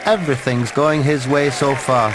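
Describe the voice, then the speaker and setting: A middle-aged man commentates on golf shot by shot. He speaks in short, measured phrases at a medium pitch. There is clear outdoor ambient noise behind his voice. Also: steady tone. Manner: terse, measured, clipped phrases. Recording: noisy outdoor broadcast ambience.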